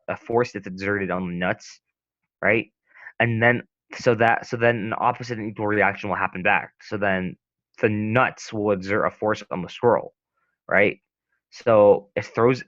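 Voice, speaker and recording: Young male student tutor, low-pitched, hesitant and rambling, dry lo-fi recording. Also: fairly bright tone, no echo. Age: young adult. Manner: hesitant, rambling, many restarts and fillers. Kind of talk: casual lesson. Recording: dull, lo-fi sound.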